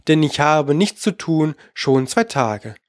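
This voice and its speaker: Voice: mid-range voice, very animated, slow pace, dry recording, clean studio sound. A reader voicing a sly, bullying dog from a rhyming storybook tale, bossy and scheming.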